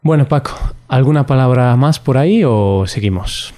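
A man's voice: medium pitch, expressive, moderate pace, warm tone. A man co-hosting a casual podcast, joking and laughing often. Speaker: podcast co-host.

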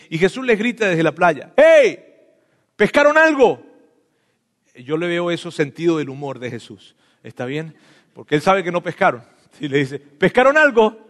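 Pastor preaching, high voice, lively, acts out the lines, echoey church hall. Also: male voice. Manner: animated preaching, acts out voices, swings from loud to hushed. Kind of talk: sermon. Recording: long reverb of a hall.

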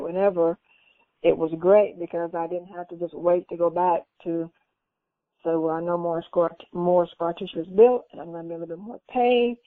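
A woman's voice: lowish voice, no echo. A woman patient casually telling the story of her knee recovery, acting out what people said to her with vivid jumps in voice. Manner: animated, acts out quoted dialogue in a raised voice. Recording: tinny phone-line audio.

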